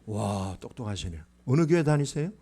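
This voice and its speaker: A man's voice: fairly low pitch, big pitch swings, a little fast, warm tone, breathy edge. A male pastor preaching a sermon, quizzing the congregation and acting out quotes.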